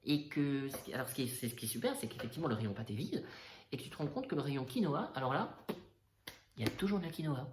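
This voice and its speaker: A man's voice: medium pitch, animated, quick pace, echoey room, noisy background. A man who is an NLP coach, talking in a casual comic monologue, joking and self-mocking. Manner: joking, self-mocking, lots of fillers and restarts.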